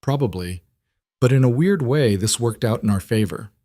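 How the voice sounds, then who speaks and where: A man voicing a calm, dry-witted crime boss who talks in a measured, wry way. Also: medium pitch, no room sound, close to an everyday voice.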